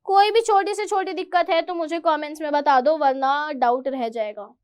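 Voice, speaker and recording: High-voiced woman teacher. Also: a little mellow. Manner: reads English lines slowly, then explains in Hindi. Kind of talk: chapter explanation lesson.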